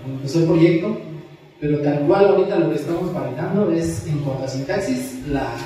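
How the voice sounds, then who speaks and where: Patient panelist man, mellow and echoey. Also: a little high, a little fast. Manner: patient, explanatory, restarts phrases. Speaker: panelist answering questions. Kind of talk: explaining a software tool. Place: large auditorium. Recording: very echoey hall, far from the mic.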